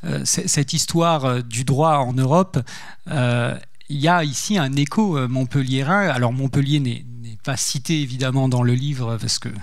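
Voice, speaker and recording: A man's voice: mid-range voice, no echo, clean studio sound. A man hosting a public talk in French, speaking semi-formally in long, broken-up phrases with many hesitations. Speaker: event host, interviewer. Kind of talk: semi-formal spoken introduction.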